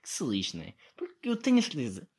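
A young podcast host with a European Portuguese accent delivers a casual solo monologue in a brisk, mid-range voice with a breathy edge. He rambles animatedly and sarcastically, doing mocking impressions of other people.

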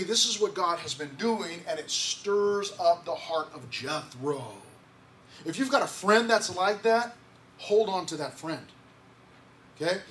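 Male pastor, high voice, easygoing sermon with restarts, faint hiss behind. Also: fairly bright tone. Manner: conversational, repeats words, asks the congregation questions. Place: church sanctuary.

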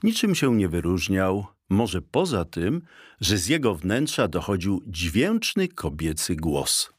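Slow husky deep-voiced male storyteller. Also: dry recording, studio quality. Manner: unhurried, expressive storytelling. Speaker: audiobook reader. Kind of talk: children's story narration.

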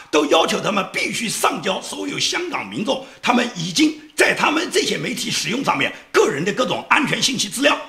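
Animated, sarcastic male political commentator. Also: high voice, vocal fry, echoey room. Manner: sarcastic, scornful, emphatic; laughs mid-sentence while talking.

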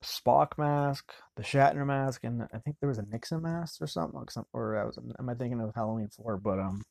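A man giving casual film commentary, rambling and halting, often restarting mid-sentence. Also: medium pitch, creaky, a little mellow, no echo, studio quality.

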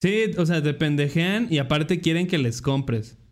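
Young man, casual podcast host, slangy, animated, slightly high voice. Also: measured pace.

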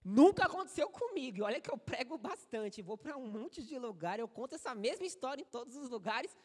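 A man in his thirties with a Brazilian Portuguese accent, a guest preacher giving a sermon in a joking, animated, conversational way, with a fairly high voice for a man. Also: fairly quick. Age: 30s. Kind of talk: sermon with humorous storytelling. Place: church sanctuary. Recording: long church hall reverb.

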